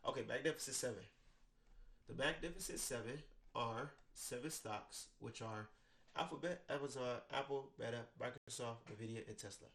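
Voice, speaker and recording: Talking casually to camera, an American finance educator, nose stuffy from a cold, covers finance topics into a studio desk mic with headphones on, peppering his speech with "right?" His voice is mid-range and fairly bright, with a little hiss or hum.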